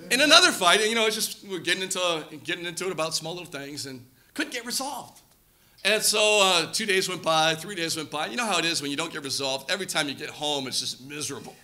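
A man in his thirties preaching a sermon through personal stories, animated and acting out quoted voices. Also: fairly high pitch, fast. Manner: animated, acts out quoted voices, shouts for effect. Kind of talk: storytelling sermon.

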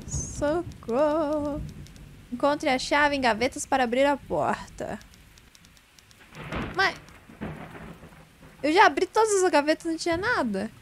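A young woman doing casual let's-play commentary, laughing nervously and shouting when startled. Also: sits high, a little hiss or hum. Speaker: gaming streamer.

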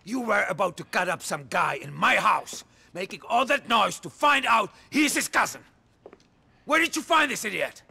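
An actor playing a volatile, furious mob boss in a video game cutscene. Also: male voice, sits high, lively intonation, moderate pace, creaky, slightly rough, full character voice. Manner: furious, scornful and shouting.

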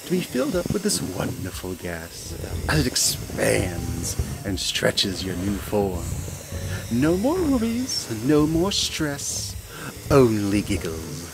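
Here the same smug hyena mad scientist gloats at the listener in a hobby audio play, voiced by a man whose fairly low pitch swoops wildly as he speaks slowly with a creaky, exaggerated delivery. His tone is silky and condescending, theatrical and punctuated by frequent chuckles, set against background music in a very noisy recording.

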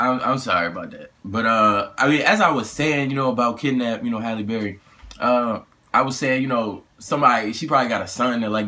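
A man's voice: mid-range voice, bright, forceful tone. A young man, chatting casually and rambling through a trailer reaction, slangy and full of fillers and restarts. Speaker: YouTube reaction host.

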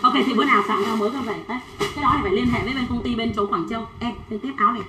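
Woman, livestream seller, chatty sales patter, high-ish voice, roomy echo. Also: rapid-fire, noisy background. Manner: chatty, reads out sizes and buyers' names. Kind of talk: fast livestream sales pitch.

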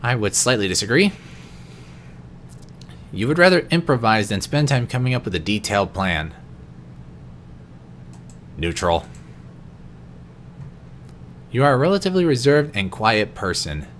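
A man reading personality quiz questions aloud in an unscripted vlog, answering each one in a quieter, lower voice with the odd stumble. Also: very animated, measured pace, long pauses, a little hiss or hum. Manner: occasional stumbles and restarts. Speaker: vlogger.

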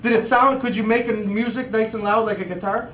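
A man's voice: high-pitched, fairly even intonation, brisk, a bit bright. A man teaching physics to a class, asking lots of questions and repeating words as he demonstrates. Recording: echoey classroom, distant mic, background noise.

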